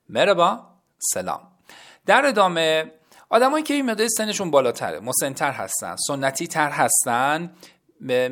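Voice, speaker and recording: Male language teacher, audio lesson, slightly high voice that swings widely, friendly classroom manner. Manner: lively, addresses listeners as kids, repeats words slowly.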